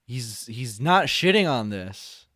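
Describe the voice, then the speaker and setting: A man streaming live, reacting to a video with excitable, swearing, joking commentary. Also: medium pitch, slow pace, no room sound, studio quality. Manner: excitable, swears, laughs and jokes a lot.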